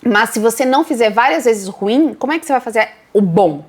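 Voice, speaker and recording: Lively teacherly Brazilian woman. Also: a little high, fast. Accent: Brazilian Portuguese. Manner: lively, teacherly, acts out her students' words. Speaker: co-host, speaking coach. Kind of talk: casual motivational talk.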